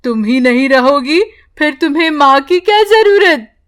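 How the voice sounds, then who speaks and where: A woman voicing a magical male talking tree in an animated storybook, speaking slowly and gravely. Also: high voice. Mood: solemn. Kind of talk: storybook character voice.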